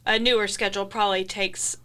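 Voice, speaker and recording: A woman acts as interviewer in a corporate training video. Her voice is bright and sharp, sitting at an average pitch. She puts questions and summaries in a conversational style. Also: level tone, fast talker, clear, resonant tone. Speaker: interviewer, host.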